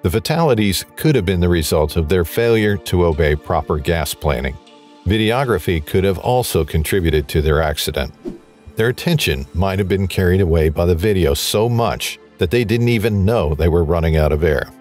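A man reading a scripted documentary voice-over in an even, measured way. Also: sits low, soft background music. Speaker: documentary narrator.

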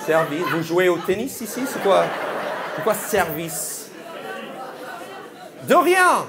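Playful high-voiced male comedian, live crowd. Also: sing-song, slow pace. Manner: playful, incredulous questioning of the audience. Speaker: stand-up comedian. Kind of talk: crowd-work stand-up comedy. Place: comedy venue with a live audience. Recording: live audience and room noise.

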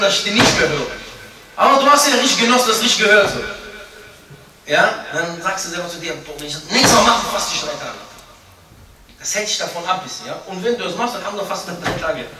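A man's voice: fairly high pitch, bright, forceful tone. A young man giving an informal, chatty sermon, joking and acting out little scenes as he preaches. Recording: echoey room, voice from a distance.

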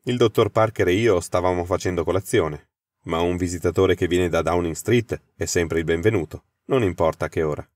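A sharp, self-assured detective figure, read by a man in a low voice, dealing out crisp, incisive deductions. The audiobook is recorded dry and close, with no room sound around him. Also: moderate pace, dry recording, close to an everyday voice.

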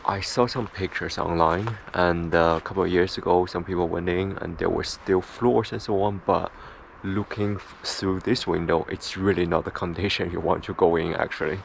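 Deep-voiced man vlogging among ruins. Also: steady tone, moderate pace, vocal fry, a little hiss or hum, rough recording. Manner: chatty, explaining on the move. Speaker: travel vlogger. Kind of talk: travel vlog narration.

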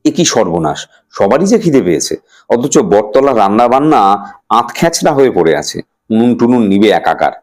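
Animated male storyteller. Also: on the low side, normal speed. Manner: animated, sing-song reading. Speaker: story reader. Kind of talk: expressive storytelling narration.

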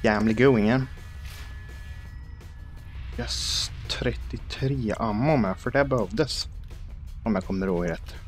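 A young Swedish man hosting a let's play, joking about himself and yelling in panic at enemies. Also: on the low side, pauses often, faint music behind. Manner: jumpy, self-mocking, shouts in panic at enemies. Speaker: gaming channel host.

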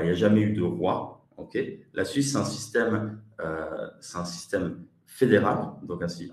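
Swiss french guy giving a webinar over a call, low voice, stops and restarts a lot, echoey room. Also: a little mellow, far from the mic. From Switzerland. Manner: hesitant, repeats words and answers chat comments. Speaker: webinar teacher. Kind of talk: online webinar lesson.

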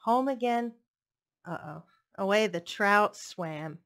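Reading picture books aloud for children's storytime, a librarian in her thirties uses a playful, sing-song delivery into a headset mic in her living room. Her medium-pitched voice is a bit bright, with lively intonation and a slow pace.

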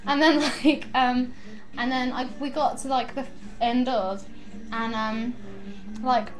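A young woman vlogging to her camera, rambling excitedly and giggling as she chats. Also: high voice, slow. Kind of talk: casual chatty vlog.

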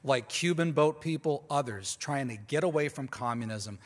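A man's voice: mid-range voice, normal speed. A man giving a conference lecture, speaking emphatically, repeating words as he restarts and turning to the audience with asides. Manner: talks directly to the audience with asides. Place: large conference hall. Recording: long hall reverb.

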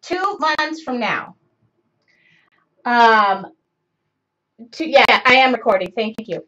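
Bright, forceful and expressive, a fairly high-pitched woman's voice moves at a slow pace. The speaker, in her forties, hosts a live craft demo at home, chattering on and interrupting herself as she works, picked up by the webcam facing her in dull, lo-fi quality.

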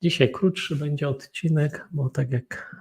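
Polish man, Polish accent, English lesson, slow, gravelly, feeling unwell. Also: a little high, steady tone, a little mellow. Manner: slow, thinking aloud with frequent hums. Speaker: English teacher. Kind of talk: solo grammar and pronunciation lesson.

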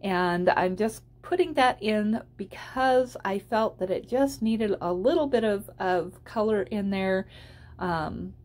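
A woman's voice: medium pitch, slow pace, a little mellow. A woman giving a casual instructional voice-over as a tutorial host, explaining step by step in an encouraging way.

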